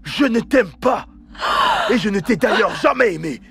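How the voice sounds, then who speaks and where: A man dubbing a cocky young man who loudly rejects his lover in a film drama. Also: sits high, sing-song, moderate pace, vocal fry, heavily acted. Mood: contemptuous. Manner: contemptuous and loud.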